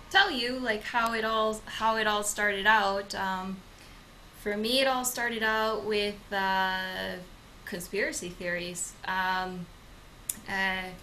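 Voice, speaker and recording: A woman's voice: mid-range voice, pushed and bright, slight background noise, rough recording. A young woman co-hosting a channel, introducing herself in casual talk with many hesitant fillers and restarts. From Okinawa, Japan; grew up in the United States. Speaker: channel co-host. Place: home in Madrid.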